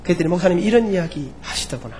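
Fast, high-voiced man with a Gyeongsang accent. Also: slight background noise. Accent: Gyeongsang Korean. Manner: animated storyteller who acts out the people in his story. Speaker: church elder giving testimony. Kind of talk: sermon testimony storytelling.

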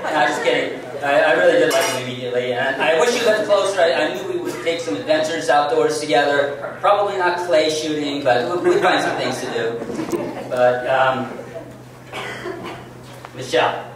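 A man's voice: a little high, normal speed, a crowd in the background. A middle-aged man giving a father-of-the-bride wedding toast, joking and laughing at his own lines. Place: large indoor reception hall. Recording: echoey hall from far off, noisy.

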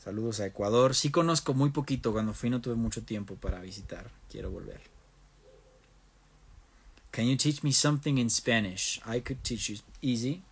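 Medium in pitch and normal in speed, the young man's voice has a breathy edge. He's a Mexican livestream host chatting casually on his phone, reading out viewer comments and responding to them in turn while code-switching between Spanish and English.

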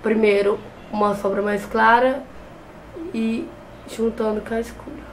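This beauty vlogger, a young woman with a cold, talks a little slowly with a flat delivery in a voice on the high side. The low-quality recording has a little hiss or hum. She works through a makeup tutorial close to the camera in front of her, often restarting words, in a small bedroom lined with shelves and a clothes rack.

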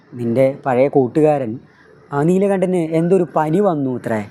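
Male teacher with a Malayali accent, retelling a story for a class with feeling and fillers, mellow tone. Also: medium pitch, slight background noise. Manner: emotive storytelling with many filler sounds.

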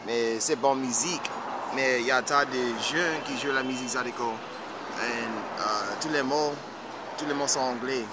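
A man's voice: mid-range voice, fairly even intonation, moderate pace. A man in his twenties from Texas with a Cajun and Creole French accent, answering interview questions casually and searching for words. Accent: Louisiana French, Creole and Cajun. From Texas, United States. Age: 20s. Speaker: musician being interviewed, fiddler. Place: outdoors in a yard by a house and street. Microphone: camera mic a short distance away. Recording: noisy outdoor camera recording.

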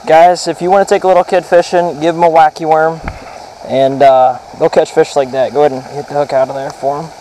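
Fairly high-pitched yet dark in tone, a young fishing vlogger talks a little fast and on a level note, addressing viewers with enthusiasm on his action camera. He starts in an indoor den and moves out to a farm pond, with a little hiss or hum audible.

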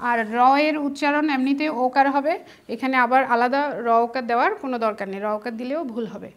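A woman's voice: high-pitched, fairly even intonation, quick pace. A woman teacher with a Bangladeshi Bengali accent, patiently explaining spelling step by step in an online class.

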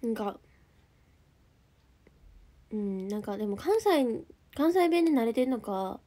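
A young woman with a Kansai accent talks casually on a livestream, her voice sitting a little higher than most. She chats freely, reading out viewer comments and answering them as she goes. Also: lively intonation, unhurried, dark tone. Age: young adult. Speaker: idol group member streaming live.

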